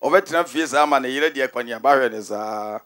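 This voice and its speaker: A man with a Ghanaian accent preaching a forceful, repetitive sermon in a large stadium, mixing in English phrases. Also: mid-range voice, normal speed. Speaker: prophet preaching.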